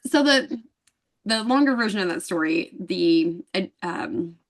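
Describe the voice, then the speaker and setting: A woman's voice: medium pitch, a little slow. A woman as an interview guest, telling a story in casual chat and acting out the other people's lines. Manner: animated storyteller acting out dialogue.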